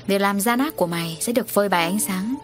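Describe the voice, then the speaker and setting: A woman's voice: medium pitch, fast, over music, lightly acted. A woman voicing a vengeful male ghost. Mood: accusing. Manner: accusing, bitter. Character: vengeful ghost of a murdered man.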